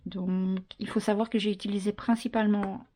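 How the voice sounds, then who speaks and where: At home, a woman with a non-French accent presents a handmade scrapbook album in a chatty craft tutorial, counting and explaining each step with fillers. Her warm, mid-range voice stays level and moves a little fast.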